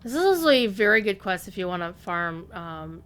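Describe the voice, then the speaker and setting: A woman's voice: medium pitch, sing-song, moderate pace, a little hiss or hum. A woman game streamer giving casual live commentary, musing and thinking aloud as she plays. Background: soft game music.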